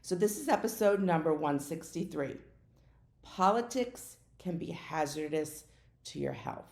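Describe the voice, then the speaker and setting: A woman's voice: sits low, expressive, a little slow, darkish tone. An American woman hosting her own podcast, chatting casually and now and then getting tongue-tied and correcting herself. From United States. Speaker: podcast host. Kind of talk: casual solo podcast talk. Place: home in Florida. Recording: echoey room.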